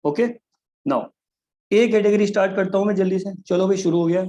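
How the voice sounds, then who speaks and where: Man teaching chemistry, higher voice. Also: steady tone, a little fast, dark tone, poor audio. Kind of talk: classroom lecture.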